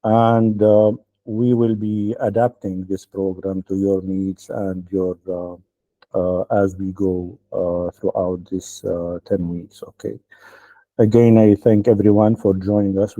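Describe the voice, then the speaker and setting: A man from Lebanon speaks over a video call in a flat, very dark, low voice. He welcomes the group haltingly, with many fillers, and he often ends his points with "okay?". The call audio is dull and lo-fi. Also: dry recording. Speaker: accelerator program founder. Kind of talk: online welcome speech.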